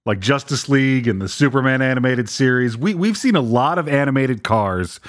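A man in a relaxed podcast chat who drops dry, joking remarks into the conversation. His voice sits at an ordinary, middle pitch. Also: normal speed. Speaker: podcast co-host. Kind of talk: casual chat.

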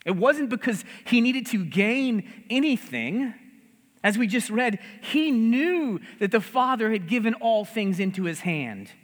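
A man preaching a sermon in a church, his voice high and swinging widely up and down as he tells the story. He keeps it chatty and funny, and his words roll out into the long reverb of a big sanctuary. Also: a little slow. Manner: conversational, humorous, animated storytelling. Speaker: pastor.

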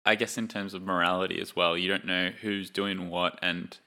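A young man co-hosting a film podcast, talking in a relaxed, chatty way and laughing now and then. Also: sits low, moderate pace. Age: young adult. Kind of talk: casual chat.

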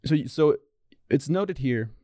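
A man's voice: on the high side, lively intonation, unhurried, dark tone, dry recording. A man hosting an interview podcast in a studio, upbeat and encouraging toward his guest. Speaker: podcast host.

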